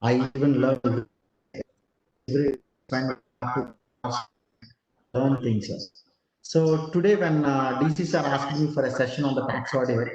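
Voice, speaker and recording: A man's voice: mid-range voice, unhurried, pauses often, darkish tone, reverberant, dull audio. A man presenting in an online seminar, talking hesitantly with many filler sounds. His audio over the video call is distorted and breaks up from a weak internet connection. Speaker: guest presenter.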